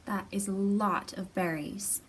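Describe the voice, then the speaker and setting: Steady and unhurried, a woman with a mid-range voice runs a storytime session for little ones in a library room. She gives instructions and reads a picture book aloud in simple, repetitive, encouraging language, recorded from a distance amid room noise.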